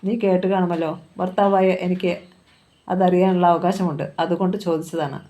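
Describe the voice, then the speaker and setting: A man's voice: high-pitched, level tone, moderate pace, warm tone, natural voice. A woman reading the part of a bitter, jealous husband who speaks with cold contempt. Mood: contemptuous.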